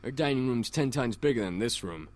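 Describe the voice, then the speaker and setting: A woman voicing a brash, teasing young man while reading a game aloud, in a low gruff voice. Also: expressive, fairly quick, darkish tone. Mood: casual.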